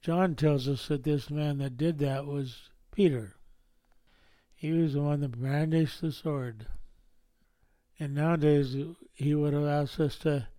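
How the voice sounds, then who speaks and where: A man's voice: a little high, fairly even intonation, slow, mellow, no echo. A man preaching a sermon in a folksy way, often ending points with tag questions. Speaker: pastor.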